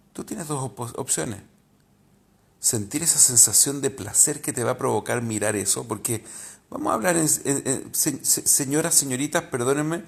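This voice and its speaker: A man's voice: medium pitch, gravelly, slightly rough. A man, a rabbi giving an informal spiritual talk, candid and reflective, often hesitating and restarting.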